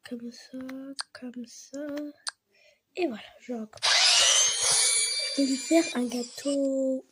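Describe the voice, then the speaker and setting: A woman's voice: high-pitched, background noise. A woman narrating her doll-house game role-play, often dropping into whispered asides.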